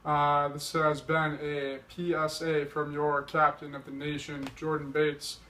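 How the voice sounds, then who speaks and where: A man's voice: fairly high pitch, monotone, unhurried, bright, forceful tone. A winded young man talking casually to the camera, boasting as he lays out his game plan point by point. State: a little winded. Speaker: vlogger challenging a friend to a video game match.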